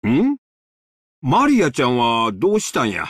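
A friendly uncle with a Kansai accent and a very lively, quick voice that leaps up and down. His voice sounds slightly husky and dry. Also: mid-range voice, dry recording, exaggerated voice. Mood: concerned. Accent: Kansai Japanese.

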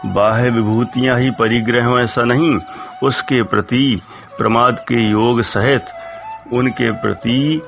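A male scripture teacher speaks at an unhurried, measured pace with a bright, forceful tone. He works through each term deliberately and has his listeners repeat the verses after him. Soft music sits faintly underneath his voice. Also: medium pitch. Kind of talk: explanatory religious lesson.

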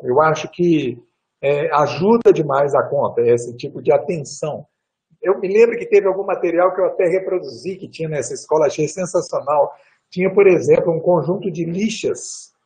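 Over a webcam on a video call, an older man gives a relaxed guest lecture in response to questions, and the recording quality is low. His voice is a little high and a little mellow, and his talk meanders with frequent restarts and tag questions.

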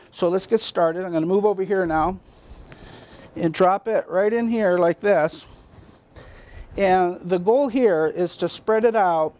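A middle-aged man with a fairly high voice walks viewers through a recipe in a small basement kitchen. He talks in a chatty, folksy way, straight to the folks at home. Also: darkish tone. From Massachusetts, US. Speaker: cooking show host. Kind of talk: homey cooking demonstration. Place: basement kitchen of a town hall.

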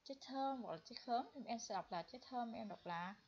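Mellow-voiced woman teaching vocabulary. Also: fairly high pitch, animated, slightly rough. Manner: slow drilled repetition of words. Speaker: English teacher. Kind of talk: bilingual vocabulary lesson. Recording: dull lo-fi recording.

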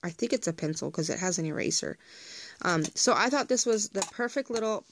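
A woman with a raspy voice, chatting in a rambling, friendly way straight to her viewers in a casual haul video. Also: mid-range voice, lively intonation, brisk, slight background noise. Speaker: haul vlogger.

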